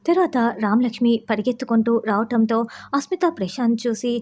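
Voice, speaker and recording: A woman's voice: fairly high pitch, lively intonation, brisk, warm tone, a little hiss or hum. A woman recapping the episodes of a television serial, telling the story steadily and briefly voicing the characters' lines.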